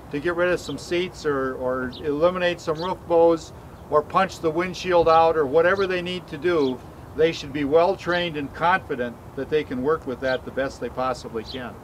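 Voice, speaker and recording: A man's voice: on the high side, a bit bright, a little hiss or hum, poor audio. Man explaining bus fire drills outdoors. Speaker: school transportation trainer. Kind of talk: explanatory talk at a training demo. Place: outdoors beside a school bus.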